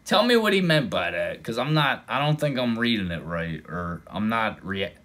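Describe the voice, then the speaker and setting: A man hosting a reaction video, casually commenting and getting excited, sometimes exclaiming loudly. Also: lowish voice, normal speed. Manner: excitable, exclaims and breaks into mock voices.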